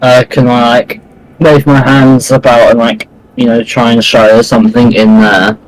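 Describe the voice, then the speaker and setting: A man's voice: medium pitch, flat delivery, measured pace, rough recording. A man playing a tabletop game, chatting casually and tentatively about what to try. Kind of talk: casual chat.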